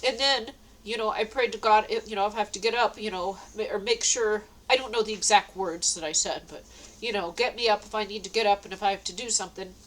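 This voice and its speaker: A vlogger talks fast in a medium-pitched, slightly bright voice, her nose stuffy, as she rambles through diary-like musings at home, restarting and filling gaps often. The audio quality is poor.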